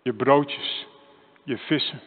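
A man's voice: mid-range voice, fairly even intonation, slow. A male preacher delivering a Sunday sermon, addressing his listeners directly with earnest questions and a personal story. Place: church. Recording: echoey church hall, tinny phone-like sound.

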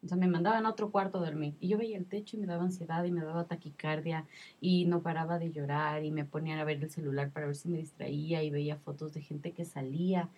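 A woman in her thirties with a low voice tells a personal story in casual conversation. Her voice is husky, and she speaks with emotion and repeats herself often. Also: steady tone, fast, highs cut off. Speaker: guest sharing her experience.

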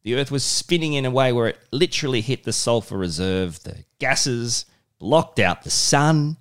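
A man's voice: mid-range voice, lively intonation, normal speed, clean tone. A man hosting a casual podcast chat with a child, patiently prompting with questions and simple explanations. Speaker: podcast host, father talking with his child.

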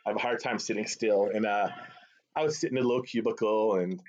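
Speaking fast in a lowish voice, the middle-aged man is a sales executive guest in a casual storytelling interview. He's from the Boston area, USA, with a Boston accent and Arabic as his first language, animated and chatty, often ending with "right?". The lo-fi call audio sounds slightly dull.

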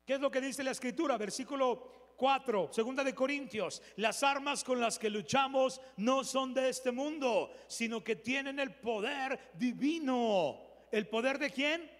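A man's voice: extremely high pitch, measured pace, big-room sound. A man preaching a sermon as pastor, firing rhetorical questions at the congregation and mimicking the voices of churchgoers.

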